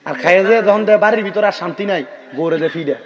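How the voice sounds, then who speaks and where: A man's voice: high-pitched, fast, muffled recording. A middle-aged man preaching an Islamic sermon, bantering with the gathering and calling on them to answer back. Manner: chatty, bantering, calls out to the crowd for responses.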